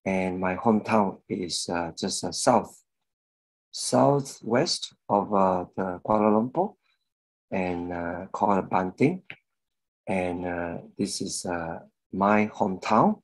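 A middle-aged man from Malaysia shares a personal testimony over a video call. His voice sits very low and he speaks slowly, pausing often with fillers. He talks from a room at home into a webcam mic. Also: poor audio. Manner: slow and hesitant, many fillers. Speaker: guest speaker giving a testimony. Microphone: video call webcam with earphones.

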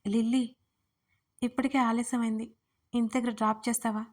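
A woman voicing a dazed, bewildered young man who speaks quietly, in a romance audiobook. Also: a little high, flat delivery, normal speed, lightly acted. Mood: confused. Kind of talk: read-aloud romance audiobook.

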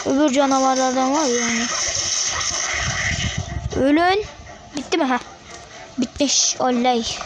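A woman giving casual commentary while playing a mobile game, excitable and trash-talking the enemies. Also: high-pitched, noisy background. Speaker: mobile gamer. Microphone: phone screen recording.

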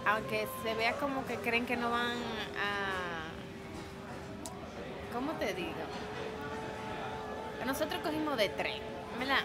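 A woman's voice: a little high, slow pace, long pauses, over loud music. A woman at a restaurant table answering questions in a hesitant way, searching for her words. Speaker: dining companion. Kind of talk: casual chat. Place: busy restaurant. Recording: noisy room from a distance.

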